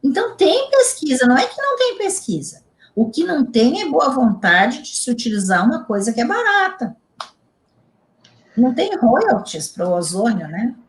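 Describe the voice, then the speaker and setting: A woman's voice: high-pitched, normal speed. A middle-aged woman from Brazil, an integrative therapist telling stories emphatically in a casual interview. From Rio Grande do Sul, Brazil. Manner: animated, emphatic storytelling with repetitions.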